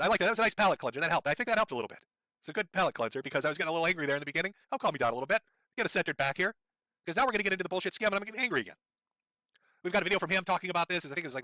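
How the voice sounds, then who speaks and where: A man hosts a commentary livestream, cursing freely and mocking his subject with sarcastic jabs. His high, bright voice comes across dry and close, and he talks fast. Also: no room sound. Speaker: livestream host. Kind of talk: commentary stream.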